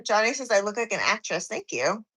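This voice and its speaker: A woman's voice: medium pitch, very animated, fairly quick, sharp tone, husky, poor audio. A woman in her forties, slightly out of breath from cardio, chatting on a live stream and reading viewers' comments aloud. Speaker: fitness streamer.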